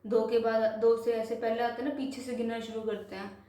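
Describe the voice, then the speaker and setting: Echoey woman teaching math slowly. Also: fairly high pitch, flat delivery, warm tone. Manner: patient, repetitive, slows to spell out numbers. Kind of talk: classroom math lesson. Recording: echoey room.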